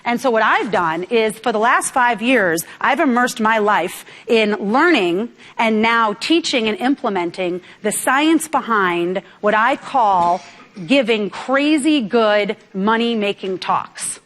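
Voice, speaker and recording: Lively woman speaker from New York. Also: fairly high pitch, slow. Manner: lively, asks the audience questions. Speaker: business speaker. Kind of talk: motivational talk to a live audience. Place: event room with audience.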